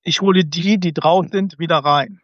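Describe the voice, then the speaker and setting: A man's voice: on the high side, moderate pace, fairly bright tone, no echo. A man who grew up in Germany, a special-needs educator as podcast guest, explaining at length with frequent hesitations. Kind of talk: conversational interview. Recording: slightly dull, dry sound.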